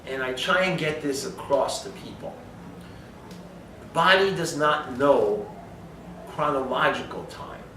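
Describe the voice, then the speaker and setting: A man's voice: fairly high pitch, measured pace, pauses often, bright, forceful tone, far from the mic, slight background noise. Lecturing man in an echoey room. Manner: emphatic lecturing with rhetorical questions. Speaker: speaker on supplementation. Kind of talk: explanatory health talk.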